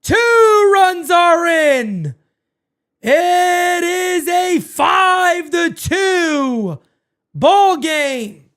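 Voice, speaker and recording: A man hosts a live watch party for fans, calling the game play-by-play and chatting with viewers very slowly in a very high-pitched voice. Despite a failing voice, he gets excitable, shouts at the big plays and swears freely.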